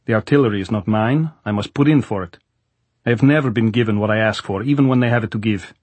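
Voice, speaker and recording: A man's voice: fairly low pitch, fast talker, darkish tone, dry recording, close to an everyday voice. A man voicing a brusque, emphatic Soviet military general, exasperated with his orders, in an audiobook. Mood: angry, bitter. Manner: emphatic, stern military officer. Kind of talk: audiobook character voice.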